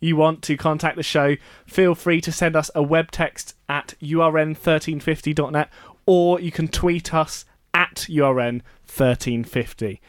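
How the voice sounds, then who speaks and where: A man's voice: on the high side, steady tone, measured pace, hardly any pauses, smooth, dry recording, studio quality. Chatty male sports radio host. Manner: chatty, laughs often, self-correcting. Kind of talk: casual radio chat.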